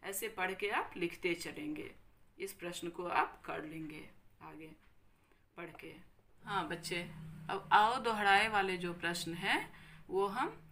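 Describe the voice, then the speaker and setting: A woman teacher with a Bihari Hindi accent giving a recorded grammar lesson, slowly repeating each word and checking in with her students. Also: lowish voice, a bit bright, a little hiss or hum. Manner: slow, careful, repeats each word and checks with "thik hai".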